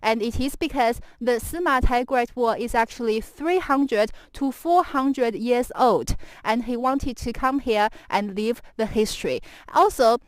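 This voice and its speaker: A woman with a fairly high, dry-sounding voice hosts a live stream as she walks outdoors in the snow. She chats in a giggly, talkative way and drifts between English and Mandarin as she addresses her viewers. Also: measured pace, few pauses, no echo, rough recording. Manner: chatty and giggly, laughing often. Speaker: live stream host and guide on a walk. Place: outdoors on a snowy stretch of the Great Wall, walking. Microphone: handheld camera follows her while she walks.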